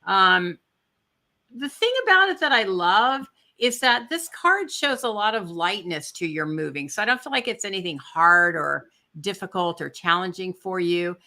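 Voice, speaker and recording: Bright-voiced woman doing a card reading. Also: lowish voice, expressive, normal speed. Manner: chatty and encouraging, with asides and fillers. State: has the hiccups. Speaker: intuitive card reader. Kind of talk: live spiritual card reading.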